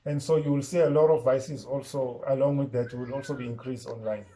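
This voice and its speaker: A man's voice: mid-range voice, steady tone, a little fast, warm tone, slight background noise, poor audio. A man teaching an online Islamic studies and Arabic class, explaining step by step and quizzing his students.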